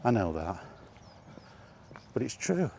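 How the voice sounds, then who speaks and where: This man's voice is lowish, warm, and creaky, with a sing-song, slow delivery over slight background noise. A solo video game vlogger, he improvises an exasperated rant, emphatic and packed with rhetorical questions.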